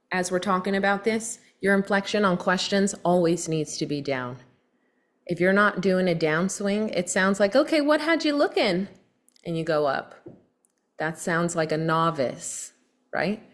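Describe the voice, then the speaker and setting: A woman leads a sales training session. Her voice sits fairly low, and she speeds up and slows down on purpose to show what she teaches. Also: steady tone. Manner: coaching, switches pace on purpose to demonstrate. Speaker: sales coach. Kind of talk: training talk on a call.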